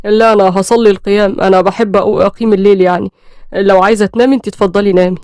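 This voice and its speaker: A courteous young husband with an Egyptian accent, calm and reassuring in every word, as a woman reads him. The voice comes quick and close, with a dry sound and no room around it. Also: medium pitch, no echo, lightly acted. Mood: gentle. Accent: Egyptian Arabic.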